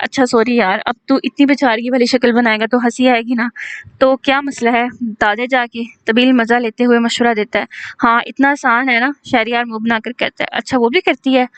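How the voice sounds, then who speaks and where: A woman reading a romantic novel aloud, voicing all the characters in a steady storytelling read with an Urdu-inflected Hindustani accent. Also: on the high side, dry recording, dull audio. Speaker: novel reader.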